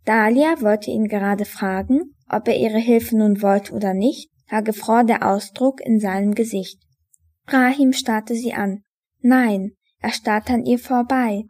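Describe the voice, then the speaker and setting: A woman reading a children's book aloud with steady, measured storytelling. Her voice sits a little high. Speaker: reader.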